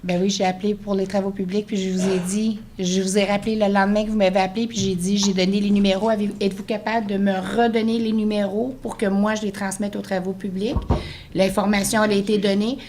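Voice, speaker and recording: A woman with a Quebec accent speaks at a medium pitch in a public meeting. She explains and rebuts insistently, going back over her points. Faint noise sits behind her voice. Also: level tone, quick pace.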